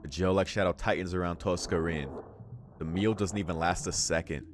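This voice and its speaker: With a deep voice and fairly even intonation, a man reads game text a little fast, pausing for casual, exclamatory asides as a let's play host. Background noise can be heard.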